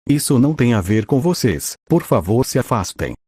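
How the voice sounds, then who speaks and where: A man voicing a young man, a devoted boyfriend who speaks earnestly and gently. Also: medium pitch, sing-song, normal speed, breathy edge, dry recording, studio quality.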